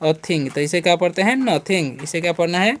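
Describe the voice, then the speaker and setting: A man's voice: high voice, a little fast, fairly bright tone. Patient man teaching spelling and pronunciation. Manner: asks rhetorical questions and then answers them; spells out words letter by letter. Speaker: English teacher, channel host. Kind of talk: spoken English lesson for beginners.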